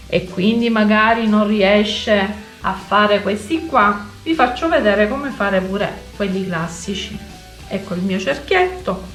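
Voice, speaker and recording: A woman giving a step-by-step cooking tutorial, instructional and narrating each movement as she goes. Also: mid-range voice. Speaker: home cooking show host. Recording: roomy echo, music underneath.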